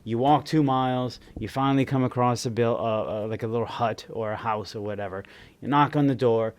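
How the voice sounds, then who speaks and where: Dude on a podcast, rambling, swears a lot, keeps restarting. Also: male voice, mid-range voice, a little fast. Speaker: podcast co-host. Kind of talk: casual chat.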